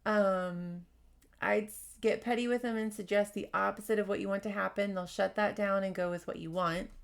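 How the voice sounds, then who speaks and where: A woman hosting a casual advice podcast, talking fast and candidly while she reads out workplace stories and comments. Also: medium pitch, steady tone, gravelly. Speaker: podcast host.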